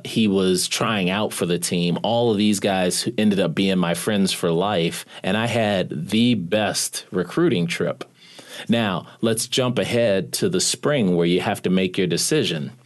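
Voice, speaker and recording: A man telling a personal story in an interview, now and then quoting his father's words. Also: low-pitched. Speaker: guest recalling his recruitment.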